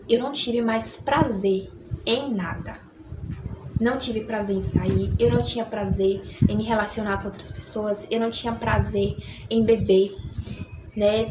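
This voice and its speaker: Brazilian girl telling her faith story, chatty and earnest, higher voice, kinda echoey room. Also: noisy background. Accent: Brazilian Portuguese. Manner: chatty, earnest, tag questions "né?" throughout. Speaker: vlogger giving her conversion testimony. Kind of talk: casual personal testimony. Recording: roomy room with faint ambience.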